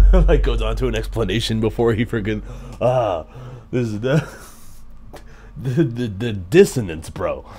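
A man's voice: on the low side, expressive, a little slow, mellow. A man streaming a casual video reaction, talking in an incredulous, slangy way full of swearing.

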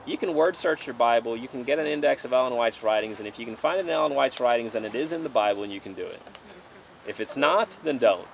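A man's voice: medium pitch, lively intonation, fast, vocal fry, slight background noise. A man in his forties, a pastor leading an outdoor sermon and Bible study, reading passages aloud and then preaching in a conversational way, recorded by a camera at a distance outdoors under a tent canopy.

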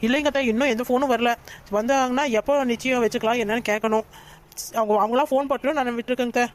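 A woman's voice: a little high, fairly even intonation, fast talker, lightly acted. A woman voicing a polite, dutiful young daughter-in-law in a cartoon, speaking respectfully and soothingly. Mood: calm. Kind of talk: cartoon voice acting.

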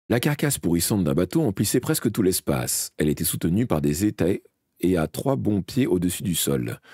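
A man reading a fantasy novel aloud in a live audiobook session, his voice very deep and dark with a husky grain. His delivery swings widely in pitch, expressive, though he sometimes stumbles and restarts a word, in a dry, close sound. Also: no echo. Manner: expressive, with occasional slips and restarts. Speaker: audiobook reader.

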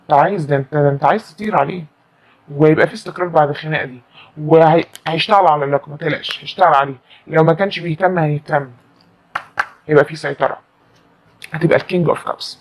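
Egyptian woman tarot reader, husky voice, emphatic rapid patter. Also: low voice. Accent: Egyptian Arabic. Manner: chatty, emphatic, repeats phrases. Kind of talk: casual tarot reading to camera.

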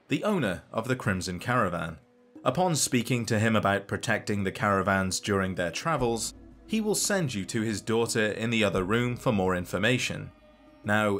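A man narrating a scripted game video essay in a measured, dry and wry way. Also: on the low side, a bit bright.

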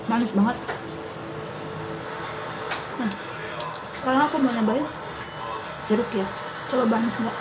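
A woman's voice: a little high, normal speed, long pauses, reverberant, very noisy. A young woman chats casually in short remarks, talking with her mouth full as she eats. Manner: talks with mouth full while eating fruit. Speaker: mukbang vlogger. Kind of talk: casual eating-show chat in short remarks. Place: small indoor kitchen. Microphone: camera or phone at arm's length. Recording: dull lo-fi sound, music over it. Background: clear background music.

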